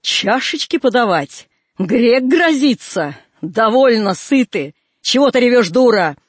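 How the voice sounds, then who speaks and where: A man's voice: fairly high pitch, expressive, measured pace, husky, no room sound. A man voicing a fierce, proud young woman who throws out scornful, defiant outbursts.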